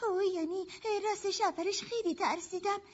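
A very high, trembling voice of a nervous amateur sleuth pleading with her sister. The dub track sounds dull and lo-fi. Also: steady tone. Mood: earnest. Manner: pleading, tremulous. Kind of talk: dubbed film acting.

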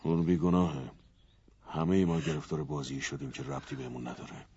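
An actor dubbing a stern, curt detective who gives commands. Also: male voice, rumbling low, dark tone, dull audio, a little hiss or hum. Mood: calm. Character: stern, calm detective, middle-aged man. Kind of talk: Persian film dub.

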